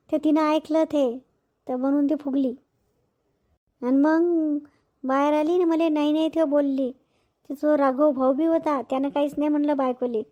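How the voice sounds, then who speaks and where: Woman playing a touchy, high-voiced village housemaid. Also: dull audio, natural voice. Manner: sharp, quick to snap, aggrieved. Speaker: actor in a village family drama. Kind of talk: village comedy-drama acting.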